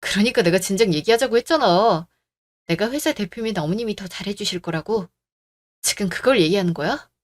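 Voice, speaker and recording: A woman's voice: medium pitch, lively intonation, a little fast, close to an everyday voice. A woman voicing a young wife in a radio drama who is tired and aggrieved, polite at first and then firm. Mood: resolute.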